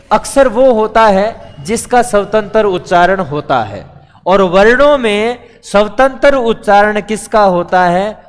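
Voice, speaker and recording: A man teaching Hindi grammar in a live online class, explaining patiently step by step and answering his own questions. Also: sits high. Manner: patient, explains step by step, calls students beta; repeats questions and answers them himself. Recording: long echo of a reverberant room.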